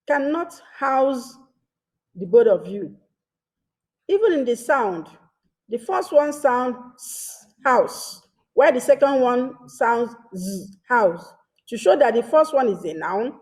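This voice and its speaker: A woman gives a grammar lesson at an unhurried, measured pace. Her voice sits a little high, and she breaks her explanations into short, careful phrases, reading each example twice. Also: darkish tone. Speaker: teacher. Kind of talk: slow deliberate grammar lesson.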